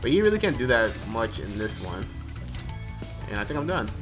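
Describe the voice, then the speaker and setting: A man's voice: medium pitch, very animated, brisk. A young man giving casual, rambling commentary while playing a video game. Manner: rambling, chatty, self-correcting. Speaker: gaming streamer. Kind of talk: casual let's-play commentary. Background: game music.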